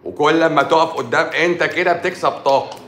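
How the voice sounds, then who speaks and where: Egyptian male doctor, rapid mocking livestream rant, echoey room sound. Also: on the high side, a bit bright, slight background noise. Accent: Egyptian Arabic. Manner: sarcastic, mocking, scolding. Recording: roomy echo.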